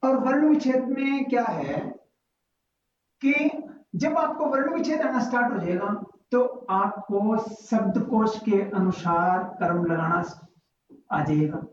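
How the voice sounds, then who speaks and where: A man teaching a grammar lesson, explaining slowly and repetitively and reciting letters one by one. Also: high-pitched, expressive, a little hiss or hum. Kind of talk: classroom-style grammar lesson. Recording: echoey, muffled room from far off.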